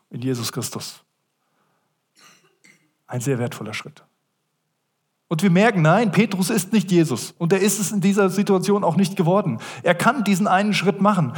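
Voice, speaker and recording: Guy pastor giving a sermon, kinda high husky voice, earnest and chatty. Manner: earnest, conversational preaching with direct address.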